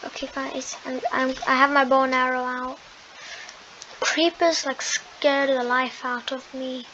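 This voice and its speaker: A woman giving chatty, excitable commentary while playing a computer game, often apologizing to her viewers. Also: high-pitched, unhurried, lo-fi sound, slight background noise. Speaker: gaming video host. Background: game music.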